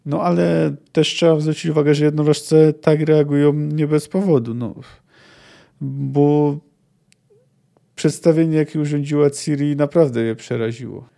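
Mellow-voiced man analyzing a novel. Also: on the high side, steady tone, creaky. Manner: measured, analytical, thinking aloud. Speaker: podcast host. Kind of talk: book discussion commentary.

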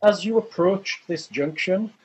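A man running a tabletop game as game master, calmly describing the caves and calling for dice rolls. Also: high-pitched, measured pace, slightly rough, low-quality recording. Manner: calm, descriptive narration with restarts.

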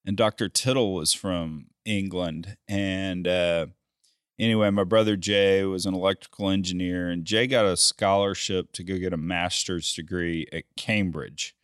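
A man's voice: low-pitched, fairly even intonation, moderate pace, clear, resonant tone, dry recording, studio quality. An older man hosting a podcast, chatty and folksy, telling stories and laughing easily. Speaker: podcast host. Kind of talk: casual podcast chat.

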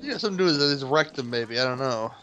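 A man's voice: medium pitch, lively intonation, fast talker. A man co-hosting a casual film commentary, tossing in wisecracks, recorded in lo-fi sound. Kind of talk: casual joking chat over a film. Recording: dull lo-fi sound, music behind.

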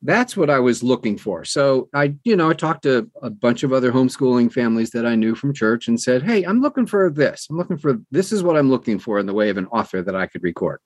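Here the storytelling comes quickly and sing-song at medium pitch, with hardly a pause, from a middle-aged or older man who is an interview guest and audiobook narrator. He chats casually and acts out snippets of dialogue. The sound is dry and clean, studio quality.

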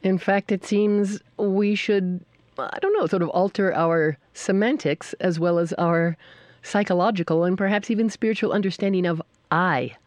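A woman's voice: mid-range voice, fairly even intonation, normal speed, a little mellow, no echo. Female science interviewer, conversational, curious and musing, close dry sound.

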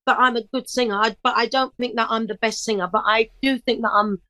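A woman's voice: a little high, quick pace, no echo, low-quality recording. Chirpy, upbeat middle-aged woman, dry close sound. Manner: chatty, upbeat and chirpy, animated storytelling. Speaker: singer and DJ guest. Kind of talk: casual interview chat.

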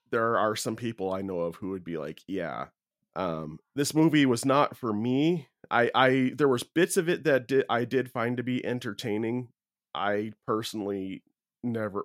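A man's voice: medium pitch, dry recording, studio quality. A man co-hosting a podcast in casual chat, hesitant and repeating his words. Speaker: podcast co-host.

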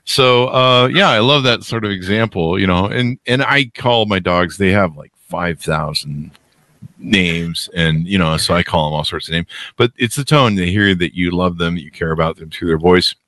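A man hosting a podcast, chatting casually and self-deprecatingly with animated asides. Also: sits low, moderate pace, no echo, studio quality. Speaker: podcast host.

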